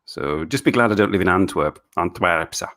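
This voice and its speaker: A deep-voiced, middle-aged man from England chats loosely on a live stream, reading viewer questions aloud and answering in halting bursts. He stumbles, restarts, and chuckles often, and his tone is expressive and fairly bright.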